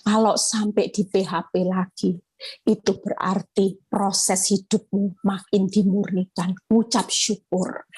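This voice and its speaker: A woman evangelist, preaching an animated sermon over a video call and addressing listeners directly. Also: medium pitch, breathy edge.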